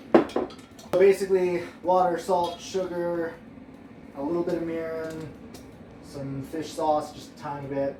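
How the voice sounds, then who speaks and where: The voice is a man's, fairly high in pitch, captured by a distant mic in an echoey home kitchen with background noise. He's a home cook hosting a video, making playful jokes and casual, rambling chatter while he works.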